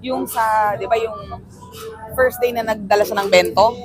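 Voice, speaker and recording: A woman's voice: a little high, steady tone, moderate pace, music in the background, rough recording. A woman in casual chat, steadily explaining how a series differs from the manga. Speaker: co-host. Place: public place with people around.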